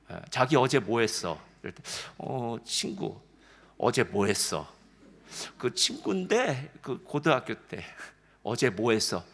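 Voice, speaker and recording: 주일 예배에서 설교하는 남성 담임목사로, 인용 대사를 연기하듯 이야기하며 회중에게 직접 말을 건넨다. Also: male voice, fairly high pitch. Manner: animated storytelling, acts out quoted dialogue; addresses congregation directly, frequent "예" fillers. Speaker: senior pastor. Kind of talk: sermon.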